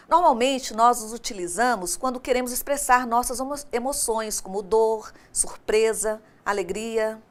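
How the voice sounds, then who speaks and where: A woman teacher with a Brazilian Portuguese accent giving a recorded distance-learning lesson, playful and expressive, often asking her class questions. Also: on the high side.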